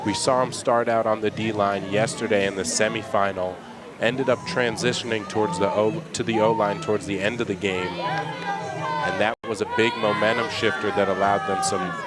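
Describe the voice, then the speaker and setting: A man with a somewhat low voice breaks down tactics as a colour commentator. A large crowd is clearly heard behind him. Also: fairly even intonation, moderate pace. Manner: analytical, explains tactics and player background. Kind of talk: live sports commentary.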